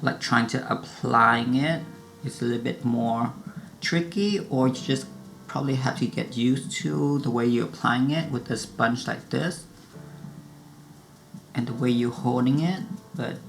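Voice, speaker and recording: A man chats casually through a makeup routine like a beauty vlogger. His voice is noticeably creaky, with plenty of fry. Music is clearly audible behind him. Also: mid-range voice, a bit bright. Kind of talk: casual makeup tutorial chat.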